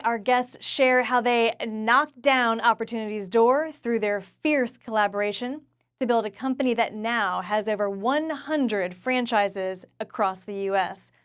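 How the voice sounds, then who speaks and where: A woman hosting a podcast, reading a measured, scripted introduction of her guests. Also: on the high side. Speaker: podcast host.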